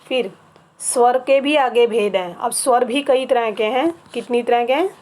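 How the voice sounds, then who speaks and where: A woman's voice: fairly high pitch, a little mellow. A woman teaching a grammar lesson to children, explaining patiently and repeating each item one by one. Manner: patient, spells things out slowly with repetition.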